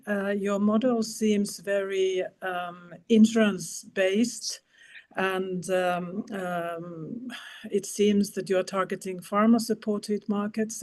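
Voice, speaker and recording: A woman on an expert panel asking a startup founder a question over a video call, careful and full of pauses. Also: mid-range voice, darkish tone. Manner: careful, many pauses and fillers.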